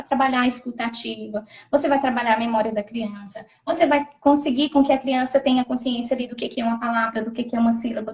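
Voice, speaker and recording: A woman's voice: on the high side, a little mellow. A woman educator explaining reading methods in a thoughtful conversational way, often restarting and repeating words. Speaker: literacy educator.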